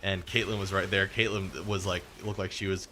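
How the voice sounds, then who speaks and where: A man's voice: deep voice, flat delivery, fairly quick, pushed and bright, slight background noise. A young man hosting a gaming stream, telling rambling stories in casual chat and acting out the voices of the people he quotes. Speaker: streamer host.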